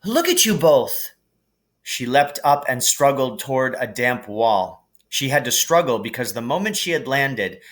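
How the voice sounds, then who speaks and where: A man with a medium-pitched voice reads a storybook aloud from a script, narrating expressively and dramatically.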